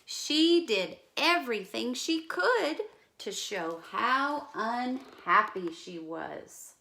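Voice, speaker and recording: Extremely slowly, a woman with a higher voice and vocal fry reads a picture book aloud to young children, like a teacher; a little hiss or hum is audible. Her telling is careful and expressive, with explanatory asides and gentle questions.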